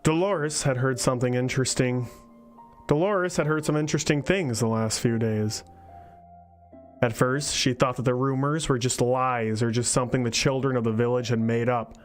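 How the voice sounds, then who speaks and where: A man's voice: mid-range voice, steady tone, moderate pace, faint music behind. Tipsy man reading fan fiction aloud. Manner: crude, mock-dramatic, swearing.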